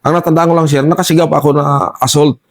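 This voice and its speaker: A soldier with a Filipino accent recounts a firefight in an interview, his slightly high voice steady in tone. He's deferential, halting and restarting often, and calls his listener "sir" constantly.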